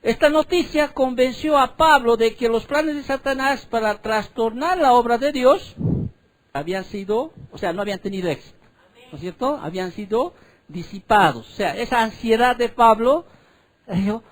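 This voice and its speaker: A male pastor preaching a sermon, reading scripture slowly and loudly, then paraphrasing in quick, quiet asides full of tag questions to the congregation. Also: very high-pitched, expressive. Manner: keeps checking in with the congregation with short tag questions. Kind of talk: sermon, Bible exposition.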